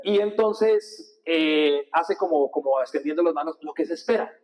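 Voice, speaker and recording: A male priest giving a lively sermon with a handheld mic, coaching the congregation to repeat verses and gestures. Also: on the high side, normal speed, low-quality recording. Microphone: handheld microphone.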